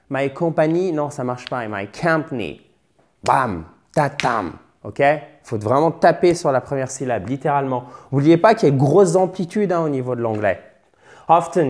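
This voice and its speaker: A man's voice: medium pitch, darkish tone. A native French-speaking man teaching English vocabulary, explaining patiently and repeating words to drill their stress. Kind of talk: bilingual vocabulary lesson.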